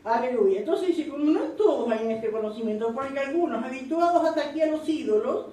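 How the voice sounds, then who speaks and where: In a church meeting room, a woman delivers preachy Bible teaching packed with amens and "¿no es cierto?" asides. Her voice is high, animated, brisk and mellow, caught by a distant mic in an echoey room.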